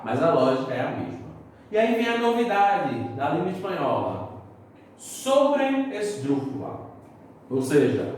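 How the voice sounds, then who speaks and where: Brazilian teacher in an echoey room. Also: male voice, on the high side, a little mellow, a little hiss or hum. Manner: explains step by step, checks in with the students. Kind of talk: recorded classroom lesson. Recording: echoey room, mic at a distance.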